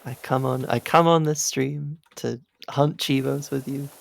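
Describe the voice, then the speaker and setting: Chatty man with a creaky voice. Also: medium pitch, steady tone, a little slow. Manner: chatty, laughs often, rambling asides. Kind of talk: casual gameplay chat.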